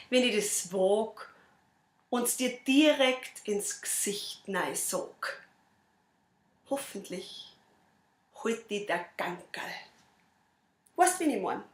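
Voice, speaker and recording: A woman with a Bavarian accent, a cabaret performer reciting a dialect poem in a measured, rhythmic way. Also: mid-range voice, echoey room. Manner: measured, rhythmic verse delivery.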